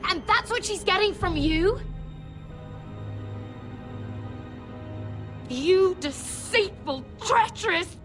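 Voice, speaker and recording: A desperate young handmaiden in a fantasy game. Her very high voice swings widely with emotion, and she stretches her words out impassionedly. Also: animated, a bit bright, heavily acted. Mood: outraged. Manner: impassioned, drawn-out. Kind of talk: dramatic video game acting. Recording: music behind.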